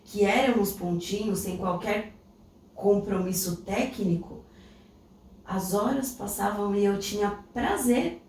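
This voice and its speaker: Slow and darkish in tone, her mid-range voice relays a personal story as she co-hosts a podcast, relaxed and reflective. The Brazilian woman speaks with a Brazilian Portuguese accent, and the sound is echoey, faintly noisy, and picked up from a distance.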